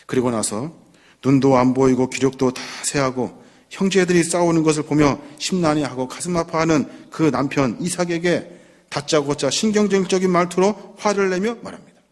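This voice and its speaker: A man's voice: fairly high pitch, normal speed. A male pastor preaching a sermon, telling the story with dramatic flair and acting out the characters' pleas. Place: church sanctuary.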